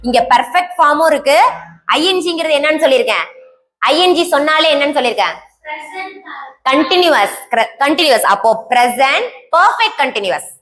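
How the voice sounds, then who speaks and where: Woman teacher, Tamil accent, high-pitched, classroom drill delivery, repetitive questioning, light background noise. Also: lively intonation, brisk, fairly bright tone. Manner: quizzing, repeats key terms, answers own questions. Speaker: English teacher. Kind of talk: classroom grammar lesson.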